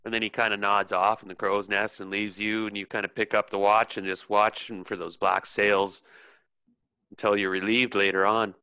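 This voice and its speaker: Man running a tabletop game, bright forceful voice, dry close sound, casual narration. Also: lowish voice, flat delivery, normal speed, smooth, no room sound. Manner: loose, chatty narration with fillers. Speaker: game master.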